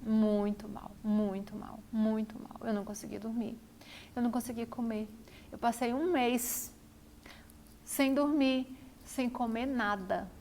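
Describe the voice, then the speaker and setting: A woman's voice: fairly high pitch, steady tone, unhurried, darkish tone, slight background noise. A woman telling her own story to camera, repeating phrases for emphasis. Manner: repetitive, emphatic retelling. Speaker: vlogger.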